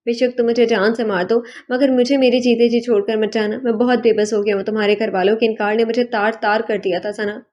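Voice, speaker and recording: A woman voicing a remorseful young husband in an audiobook, with a soft, pleading and emotional delivery. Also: on the high side, fairly even intonation, few pauses, natural voice. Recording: dull lo-fi recording.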